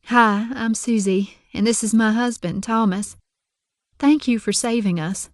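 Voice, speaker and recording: A woman's voice: a little high, a little slow, no room sound, clean studio sound, natural voice. A woman voicing a polite young Southern belle wife with a Southern US accent in an audiobook. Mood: earnest. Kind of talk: audiobook character reading.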